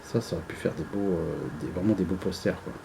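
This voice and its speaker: An unboxing vlogger gives casual commentary in a low, fairly even voice, talking fast over background noise. He rambles and hesitates, filling his speech with lots of fillers.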